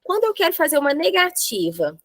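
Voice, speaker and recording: Fairly high-voiced woman teaching grammar. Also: huge pitch swings, dry recording, rough recording. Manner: explains step by step, slows to write examples. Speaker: English teacher.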